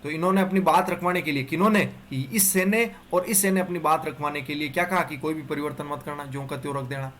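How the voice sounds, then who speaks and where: A man's voice: on the high side, steady tone, fast, hardly any pauses, a bit bright, slight background noise. A man giving an exam-prep Hindi grammar lecture, explaining step by step and often checking in with the class. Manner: explains step by step with repeated "dekho" and "theek hai".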